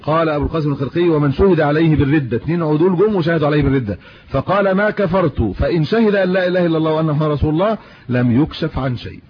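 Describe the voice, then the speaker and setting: A man with an Egyptian Arabic accent teaches a religious lesson at a brisk, rapid clip, his voice set a little high. He moves between reading classical text and plain colloquial explanation, often asking his listeners questions. The recording is muffled and lo-fi, with a faint hiss behind him.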